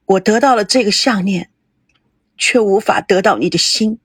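A woman voicing a heartbroken young woman who speaks low and sorrowfully. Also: normal speed, breathy edge, no room sound, clean studio sound.

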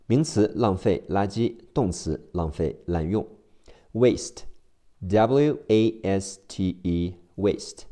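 A man teaching English vocabulary in a phonics drill, spelling out each word letter by letter in a slow, deliberate way. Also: sits low, warm tone.

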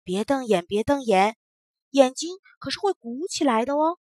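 A woman's voice: high voice, lively intonation, normal speed, darkish tone, no echo, studio quality. A woman doing a laughing, teasing magic toy. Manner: mocking, laughing.

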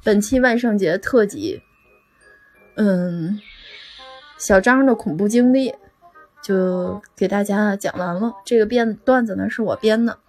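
A woman's voice: mid-range voice, measured pace, long pauses, darkish tone, faint music behind. A woman telling a comic Halloween story in a casual, chatty way, loose and full of fillers.

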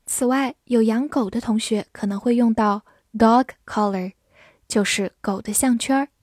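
A woman's voice: a little high, a little mellow, no echo, clean studio sound. Patient woman teaching English words. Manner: patient, spells letters out and repeats slowly. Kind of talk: vocabulary lesson, spelling and slow read-alouds.

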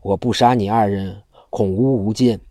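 A man voicing an arrogant young bandit swordsman in a storybook reading, mocking and boastful, with a low, dark, dry voice. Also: steady tone, moderate pace, dry recording, close to an everyday voice. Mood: cold, boastful.

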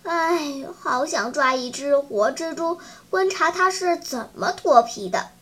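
A woman's voice: high-pitched, big pitch swings, unhurried, a bit bright, voice pushed down, heavily acted. A woman voicing a curious, cheeky young schoolboy who pleads in a whiny voice.

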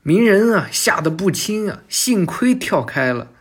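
A man's voice: high-pitched, sing-song, unhurried, husky. A man casually retelling an anime episode, stretching his phrases with chatty storytelling particles.

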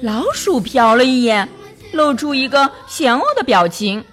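A woman narrating a bedtime story for children, gentle and measured. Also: fairly high pitch, animated, faint music behind.

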